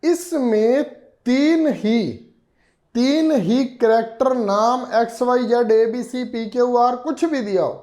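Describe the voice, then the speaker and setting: A man's voice: extremely high pitch, slow, a little mellow. A man teaching a reasoning class, explaining step by step and repeating key words for students. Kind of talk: classroom lecture.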